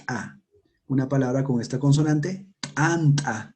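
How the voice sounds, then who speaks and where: A man teaching a language lesson, saying each sound and word slowly and repeating it for learners to copy. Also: mid-range voice, mellow, slight background noise. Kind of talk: slow pronunciation lesson.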